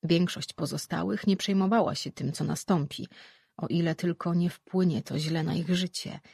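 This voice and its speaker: An audiobook narrator reading a fantasy novel in calm, even scripted narration. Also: medium pitch, normal speed, vocal fry, breathy edge, no echo, clean studio sound.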